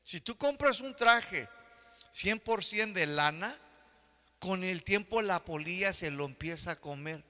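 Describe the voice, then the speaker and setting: A man's voice: sits high, lively intonation, unhurried, pushed and bright, in a large hall. An older man preaching a sermon as pastor, often checking that the congregation is following along. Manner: asks the congregation for agreement.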